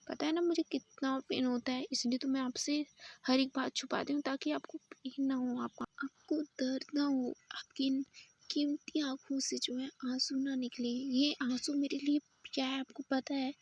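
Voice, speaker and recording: A woman's voice: high voice, flat delivery, moderate pace, no room sound, highs cut off. A woman voicing a loving, playful young woman in whispered role-play, tender and coaxing. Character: loving young woman Jass, teasing and protective.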